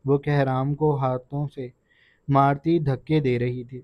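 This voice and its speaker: A man narrating a romance novel aloud in a steady, earnest storytelling manner, in a dry, dull recording. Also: medium pitch, no room sound. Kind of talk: audiobook narration.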